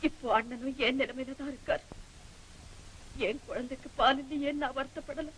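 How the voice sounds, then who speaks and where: A woman's voice: sits high, steady tone, moderate pace, a bit bright, slight background noise, poor audio. An actress playing a young mother who pleads earnestly and defends her brother. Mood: pleading. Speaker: young mother in a family film. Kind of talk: 1960s film acting.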